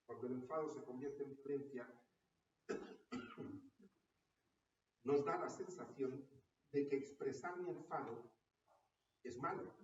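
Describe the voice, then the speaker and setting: A parish priest gives a teaching talk to parishioners in a parish hall or church room, often checking in with a questioning tag. His voice is medium-pitched and a little mellow, and the roomy, distant, dull recording has slight background noise.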